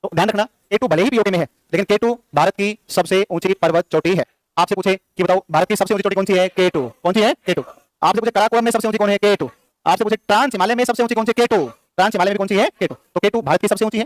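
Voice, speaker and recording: A man's voice: high voice, no echo. A male teacher giving a classroom lecture, quizzing his students over and over. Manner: rapid, repetitive quizzing of students. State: short on sleep.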